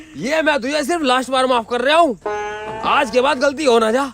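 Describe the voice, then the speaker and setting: A man acting in a comic film spoof, loudly calling out "oye" as he speaks. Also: extremely high pitch, moderate pace, vocal fry, over loud music. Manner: loud, calls out "oye" often. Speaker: spoof actor playing father. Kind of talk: comedic Hindi spoof acting.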